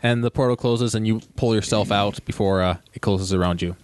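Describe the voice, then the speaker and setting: A man's voice: lowish voice, a little fast, no room sound. A man running a tabletop game as game master, joking and laughing often as he narrates.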